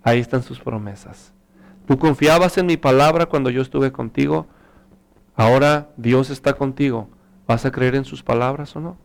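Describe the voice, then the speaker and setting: A man playing a patient father who quietly reassures his frightened son. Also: a little high, expressive, moderate pace. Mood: gentle, calm. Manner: soft, hushed, reassuring.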